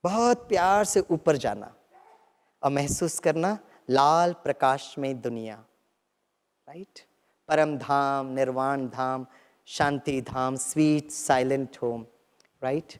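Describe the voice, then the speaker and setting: A man from Kerala gently guiding an audience through a meditation talk, mixing in English phrases and often asking "right?". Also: mid-range voice, slow, pauses often, in a large hall. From Kerala, India. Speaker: spiritual teacher leading meditation. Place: large hall with a live audience.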